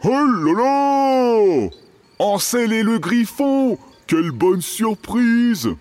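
A man voicing a huge, good-natured male river giant who speaks slowly in a high, exclaiming voice. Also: big pitch swings, a little mellow, heavily acted. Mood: cheerful, bewildered. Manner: high, slow, exclaiming, homely speech.

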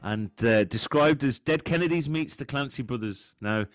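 A man's voice: mid-range voice, moderate pace, no echo. A man, co-hosting a casual music podcast, jokey and chatty as he introduces songs. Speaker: podcast co-host. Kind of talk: casual chat about music.

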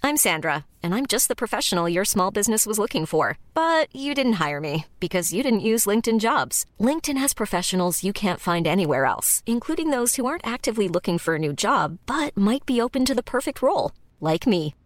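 An actress playing a confident professional pitching herself as a job candidate in a scripted ad. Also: female voice, big pitch swings, brisk, dry recording, natural voice. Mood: confident, wry. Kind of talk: scripted radio ad.

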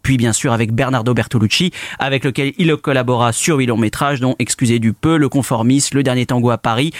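A man's voice: mid-range voice, no room sound, studio quality. A man hosting a radio film segment, talking with many fillers and restarts. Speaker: radio show host. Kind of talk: cultural radio chat.

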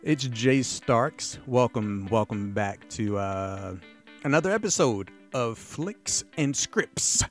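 A man hosting his own podcast in casual solo talk, excitable and rambling, with playful bursts of emphasis. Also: mid-range voice, takes it slowly, soft background music. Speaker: podcast host.

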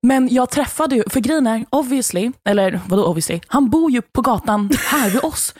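A woman podcast host from Sweden telling a story in casual chat, animated and slangy, often breaking into laughter. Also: a little high, no echo, clean studio sound. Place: Los Angeles.

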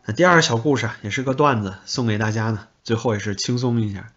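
A man's voice: on the low side, fast talker, a bit bright, soft background music. Blunt, sarcastic man from China. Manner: blunt, sarcastic, with crude insults. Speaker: podcast host. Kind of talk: political commentary monologue. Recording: slightly dull lo-fi audio.

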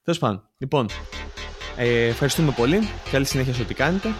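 A man's voice: mid-range voice, over music. A man co-hosting a casual football podcast, bantering and repeating phrases for effect. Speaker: podcast co-host.

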